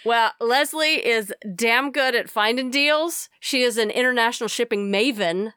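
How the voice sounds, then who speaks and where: A woman's voice: a little high, normal speed, sharp tone, clean tone, no echo, studio quality. An American woman co-hosting a casual podcast from inside a small closet, speaking in an effusive, appreciative way. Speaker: podcast co-host. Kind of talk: casual conversational podcast chat.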